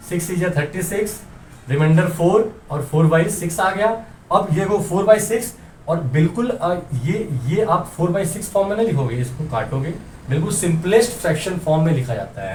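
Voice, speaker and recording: A man with a fairly high voice teaches a maths lesson, working through each step aloud and pausing to ask if it is clear. He sounds a little away from the mic in an echoey room. A faint hiss sits under the voice. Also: recorded from a distance. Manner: explains step by step, often checking in with the class. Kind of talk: classroom lecture.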